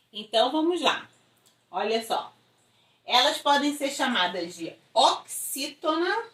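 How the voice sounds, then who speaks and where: A Brazilian woman teacher talks a young class through a recorded video lesson, one step at a time, and often checks that they follow. Her voice sits a little high and swoops up and down with animated intonation. It rings in an echoey room, caught from some distance from the mic. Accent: Brazilian Portuguese. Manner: explains step by step, checks in with frequent tag questions.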